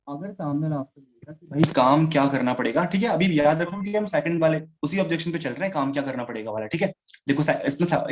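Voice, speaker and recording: Video call पर live sales training देता एक आदमी, जो श्रोताओं को "गाइस" और "भाई" कहकर बातचीत के अंदाज़ में समझाता है।. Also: male voice, fairly high pitch. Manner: fast, chatty, addresses listeners as guys and brother. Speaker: sales trainer. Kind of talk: live online sales training. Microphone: video call.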